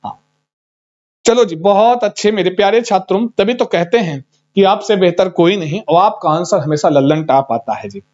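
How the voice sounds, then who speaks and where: A high-pitched man teaching a live exam-prep class over a dull, lo-fi stream. He is chatty and teasing, reading out students' answers and coaxing them along. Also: moderate pace, a little mellow. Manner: chatty, teasing, reads students' chat aloud. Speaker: Sanskrit teacher.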